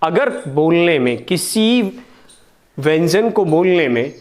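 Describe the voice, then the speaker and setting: A young man teaching a grammar lesson, speaking slowly and repeating each sound for his pupils to copy. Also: fairly high pitch, sing-song. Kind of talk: online Hindi grammar lesson.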